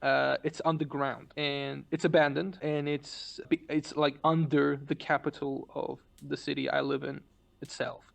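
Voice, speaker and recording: Gravelly male storyteller, casual, rambling and profane, lots of false starts. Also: a little high, level tone, unhurried. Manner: rambling, profane, with frequent restarts.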